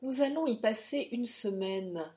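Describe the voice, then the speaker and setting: Brief: brash bully of a young man, read by a woman, loud, mocking, raised pitch. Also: animated, measured pace. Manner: shouting insults, rough and mocking. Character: brash young male cousin, bullying but loyal.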